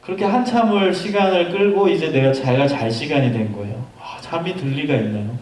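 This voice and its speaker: A man's voice: on the high side, animated, a little fast, darkish tone. A male pastor giving a youth sermon, telling stories and asking the congregation questions. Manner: storytelling, asks the congregation questions. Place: church hall. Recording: echoey hall, voice from far off.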